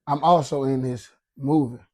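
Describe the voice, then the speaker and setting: A man's voice: mid-range voice, steady tone, moderate pace, warm tone, no room sound, studio quality. A man hosting a podcast in a casual, slangy way, with plenty of swearing and verbal tags. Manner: slangy, heavy swearing, frequent "you know". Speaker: podcast host. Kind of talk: casual chat.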